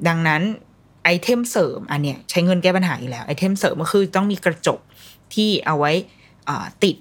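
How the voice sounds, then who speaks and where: A woman's voice: deep voice, lively intonation, fairly quick, breathy edge. A woman in her thirties, a mother hosting a podcast, telling her own story in a candid, blunt, slangy way and acting out the voices of the people in it. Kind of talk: casual storytelling chat.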